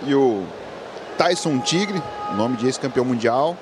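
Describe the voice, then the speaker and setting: A man's voice: mid-range voice, expressive, measured pace. A man giving colloquial, conversational boxing analysis as a colour commentator, with a joking manner. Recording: clear background noise at live event.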